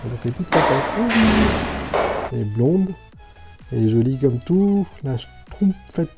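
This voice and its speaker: A man's voice: mid-range voice, lively intonation, unhurried, creaky, over music. A man chatting casually as he unboxes toys, thinking aloud and describing each figure in detail. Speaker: toy reviewer.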